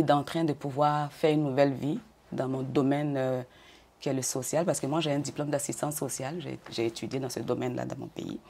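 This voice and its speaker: An older woman from Côte d'Ivoire, speaking as an interview guest, answers questions in a measured way. Her very deep voice has a dark tone, and she often repeats words as she goes.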